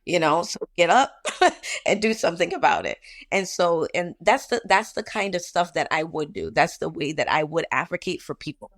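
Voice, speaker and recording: A woman's voice: lowish voice, very animated, normal speed. A woman from Barbados, a registered nurse, telling a story in a podcast interview and acting out the dialogue as she goes.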